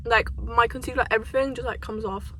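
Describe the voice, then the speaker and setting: A woman's voice: on the high side, fairly even intonation, quick pace, pushed and bright, a little hiss or hum. A young woman in a casual vlog chat, talking in a chatty way with "like" in nearly every line. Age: young adult. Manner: chatty, fillers of "like" throughout. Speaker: vlogger.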